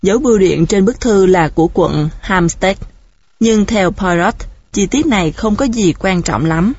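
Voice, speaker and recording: A woman narrating an audiobook in a steady, measured storytelling manner. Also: medium pitch, slightly rough. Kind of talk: audiobook reading. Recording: dull, dry recording.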